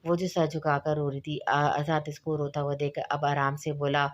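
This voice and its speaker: A woman reading a romance novel aloud in steady narration, with small slips and restarts. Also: low-pitched, moderate pace. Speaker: audiobook narrator.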